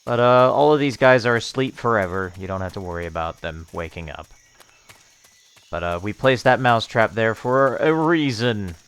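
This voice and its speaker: A man's voice: fairly low pitch, animated, normal speed, fairly bright tone, clean tone. A young man casually commenting on his gameplay in a goofy, rambling way, often muttering to himself. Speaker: let's play streamer.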